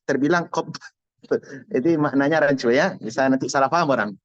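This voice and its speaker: A man's voice: mid-range voice, a little fast, no room sound, lo-fi sound. A man teaching an Arabic grammar class online, explaining patiently and repeating key words step by step.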